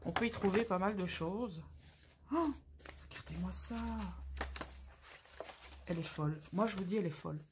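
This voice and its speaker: A woman's voice: on the low side, moderate pace, pauses often, noisy background. A woman hosting a craft channel, talking casually through an unboxing with gushing, exclamatory, slangy enthusiasm.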